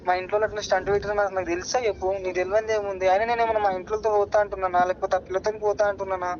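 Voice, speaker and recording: A man's voice: sits high, flat delivery, rapid-fire. A man, soothing and pleading with his girlfriend on a phone call. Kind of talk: emotional phone conversation. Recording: muffled phone call with loud background noise.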